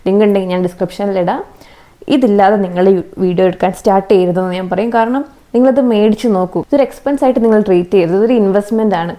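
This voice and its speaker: This casual product-review vlog features a young woman whose mid-range voice is a little mellow. She breaks down budget video gear piece by piece in a chatty tone, adds "kettō" to her sentences, and records on her phone camera, occasionally using a plug-in mic.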